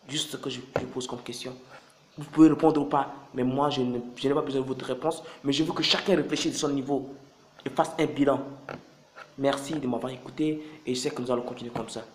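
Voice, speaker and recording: A man gives an informal political address to the public, speaking haltingly and posing rhetorical questions. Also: medium pitch, steady tone. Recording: roomy echo with light background noise.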